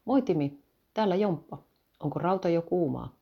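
A woman's voice: fairly low pitch, lively intonation, creaky, breathy edge, lo-fi sound, full character voice. A woman doing Jomppa, a handy biker mechanic. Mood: casual, helpful. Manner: practical, gives quick repair advice. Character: man, a tinkering vintage motorcycle mechanic.

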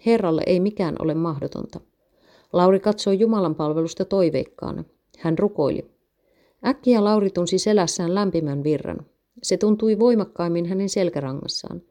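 A woman narrating a read-aloud story in a steady, measured way. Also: on the low side.

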